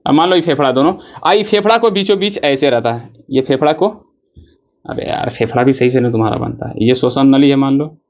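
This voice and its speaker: A man's voice: medium pitch, fairly quick, muffled recording. A man teaching a school biology lesson, drawing as he explains. He asks the class questions and answers them himself, repeating the key words. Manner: drawing on a board while explaining. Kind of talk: classroom lesson on heart and blood flow.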